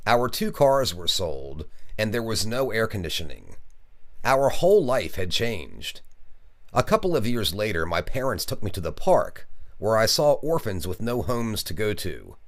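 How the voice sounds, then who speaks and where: Man playing an earnest, animated charitable pop star. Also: on the low side, unhurried. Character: charitable male pop star recounting his childhood. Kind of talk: scripted first-person speech.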